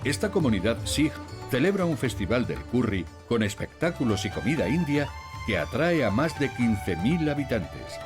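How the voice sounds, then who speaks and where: A man hosting and narrating a travel documentary in a calm, curious way, asking his guests questions. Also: mid-range voice, normal speed. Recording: voice with background music.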